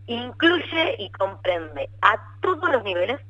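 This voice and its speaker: Brief: a minister, speaking formally and measuredly over a bad phone connection that keeps breaking up. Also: male voice, high-pitched, very animated, bright, forceful tone, no room sound. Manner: measured and formal, stresses key words. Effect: choppy bad phone connection. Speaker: government minister interviewed by phone. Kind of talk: formal official explanation. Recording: dull, dry, choppy phone line.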